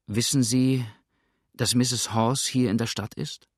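A man voicing a serious young male boatman who speaks calmly and measuredly, turning cold and suspicious. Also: mid-range voice, slow, no room sound, clean studio sound.

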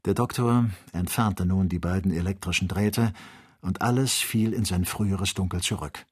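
A man reading an adventure novel aloud as an audiobook, with measured, expressive storytelling. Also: deep voice, husky. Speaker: audiobook reader. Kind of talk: scripted audiobook narration.

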